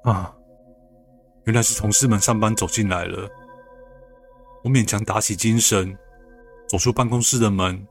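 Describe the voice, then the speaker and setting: A man calmly narrating a first-person ghost story. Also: on the low side, moderate pace, pauses often, faint music behind.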